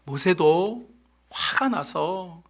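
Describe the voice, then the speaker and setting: A middle-aged man preaching a sermon as pastor, telling a story with lively acted-out voices. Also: sits high, extremely slow. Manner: animated storytelling, acts out voices. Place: church sanctuary.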